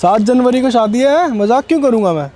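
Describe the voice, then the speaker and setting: A man's voice: very high-pitched, expressive, fairly quick, crowd noise. A young man in a casual prank conversation, teasing and persistently coaxing his friend.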